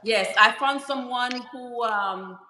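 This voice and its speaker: With a fairly high, sharp voice and a slow pace, this woman from Haiti guests on a YouTube live stream over a video call. She rambles casually, peppering her talk with "like" and "you know," and the room is echoey with a faint hiss.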